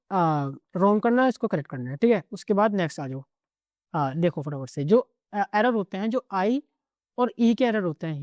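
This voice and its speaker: A male teacher giving a casual exam-prep lesson, rattling quickly through word lists and checking in with the listener after nearly every line. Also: high-pitched, darkish tone, no room sound, clean studio sound.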